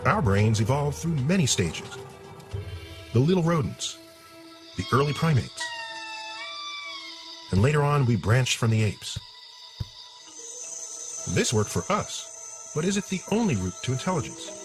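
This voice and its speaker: Man, nature documentary narration, animated pitch, scripted, measured delivery, music behind. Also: poor audio.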